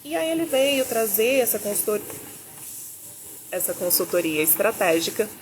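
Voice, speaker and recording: A woman's voice: medium pitch, moderate pace, a little hiss or hum. A woman, a business consultant giving a teaching talk into a Bluetooth mic, acting out both sides of her anecdotes. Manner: animated storyteller, voices both sides of dialogues.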